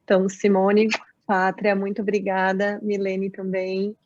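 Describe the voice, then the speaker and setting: A woman, a seminar moderator, speaking quickly and friendly on a video call. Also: medium pitch, monotone, a little mellow, no echo, dull audio. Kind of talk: casual farewell on a video call.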